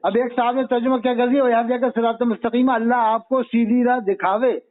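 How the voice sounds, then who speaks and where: A man's voice: very high-pitched, little pitch movement, brisk. A man asking a cleric religious questions, deferential and full of eager praise. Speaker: questioner, interviewer. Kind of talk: religious discussion. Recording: tinny phone-like recording.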